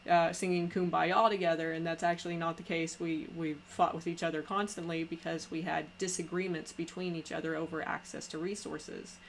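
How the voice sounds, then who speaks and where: A woman hosts a podcast in a casual, halting way, her voice sitting a little low. She pauses and restarts often while introducing topics. Faint room ambience sits behind her. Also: level tone, vocal fry, a little hiss or hum. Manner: halting, many fillers and restarts. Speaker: podcast host. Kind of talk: casual conversation.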